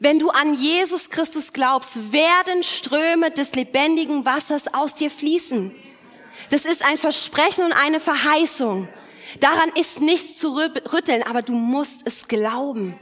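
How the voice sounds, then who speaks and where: A woman's voice: high voice, unhurried, fairly bright tone, in a large hall. A woman preaching a sermon, emphatic, driving points home with repeated phrases.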